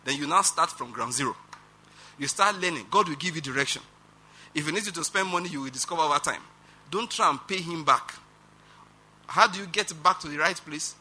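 Bright-voiced Nigerian preacher. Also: male voice, fairly high pitch, a little hiss or hum. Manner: animated, emphatic preaching with rhetorical questions and chuckles. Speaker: pastor. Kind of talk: sermon.

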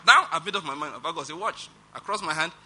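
A man with a Nigerian accent preaching a sermon as pastor, animated and emphatic, with rhetorical questions and chuckles. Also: on the high side, fast talker, background noise.

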